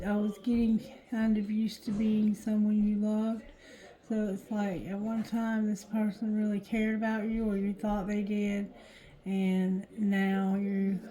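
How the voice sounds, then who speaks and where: A tired, drowsy woman doing a casual card reading, with thick-tongued, slightly slurred speech and a halting, repetitive delivery. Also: medium pitch, mellow, low-quality recording. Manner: slow, halting, repeats phrases. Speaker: tarot reader.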